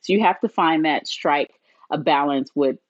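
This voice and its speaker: A woman in her forties talks through ideas in a relaxed, reflective way, often checking in with "right?" and laughing. Her voice sits a little low. The sound is dry and slightly dull, like lo-fi remote audio. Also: normal speed, no room sound. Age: 40s. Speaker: podcast co-host. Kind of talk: casual chat.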